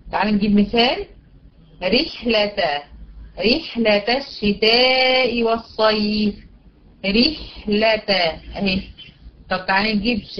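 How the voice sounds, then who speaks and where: A woman teacher with an Egyptian Arabic accent explains recitation rules step by step, recites example words slowly and often checks that her students follow. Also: mid-range voice, slight background noise. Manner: often checks understanding with "tamam?". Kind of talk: recorded tajweed lesson. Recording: dull, lo-fi recording.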